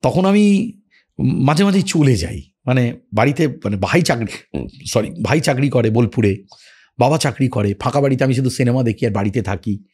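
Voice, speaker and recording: A man tells stories in a relaxed interview, reminiscing about his career. His voice sits at a middle pitch with a husky edge, and he acts out the lines he quotes. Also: moderate pace. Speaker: actor as podcast guest. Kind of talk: casual storytelling interview.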